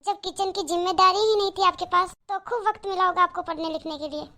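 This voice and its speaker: A woman voicing a modest young village daughter-in-law in a cartoon moral story, polite and gentle. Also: very high-pitched, fairly even intonation, fast talker, exaggerated voice. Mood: gently teasing.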